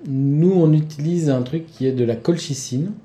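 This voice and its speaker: A man's voice: a little high, moderate pace, mellow, echoey room. A male doctor as a radio guest, explaining patiently with small hesitations.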